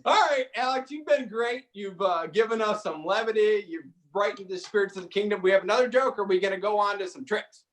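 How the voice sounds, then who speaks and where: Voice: mid-range voice, brisk, hardly any pauses. A speaker hosting a jester act at a live court event, telling a playful story and laughing heartily at the jokes. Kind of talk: live court entertainment banter.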